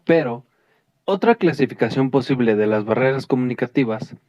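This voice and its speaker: A man's voice: medium pitch, expressive, normal speed, a little mellow, no echo. A man presenting a lesson, talking straight to his listeners and often restarting and correcting himself. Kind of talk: lesson addressing a class. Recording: dull lo-fi dry recording.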